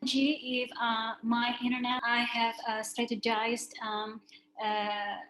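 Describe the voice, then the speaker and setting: A woman presenting over a video call on a choppy internet connection that keeps cutting out. She speaks haltingly, with many filler sounds. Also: on the high side, little pitch movement, a bit bright. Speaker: presenter in an online webinar. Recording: echoey, distant video call audio.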